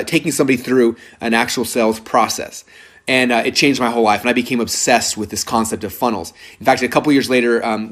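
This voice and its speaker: Fast-talking energetic man pitching a webinar. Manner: energetic, rambling, heavy on filler words. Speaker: webinar presenter. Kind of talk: live sales webinar storytelling.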